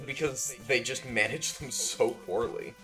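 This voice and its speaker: A man's voice: medium pitch, a little slow, over music. A young man from Germany, a podcast co-host, chatting casually with hesitant, rambling speech and lots of fillers. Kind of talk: casual chat.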